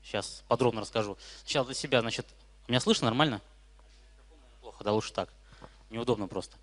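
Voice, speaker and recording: Brisk lisping young man in an echoey hall. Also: medium pitch, a bit bright. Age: 20s. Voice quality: lisp with slushy sibilants from braces. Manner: blunt, brash, slangy. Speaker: speaker at a startup investment talk. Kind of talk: informal public talk to an audience. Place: hall with live audience. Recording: echoey hall with long reverb.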